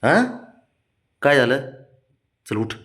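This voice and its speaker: A man at home coaxing and teasing his pet cat in a lively sing-song way. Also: mid-range voice, takes it slowly. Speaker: cat owner talking to his cat. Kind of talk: casual chat with a pet.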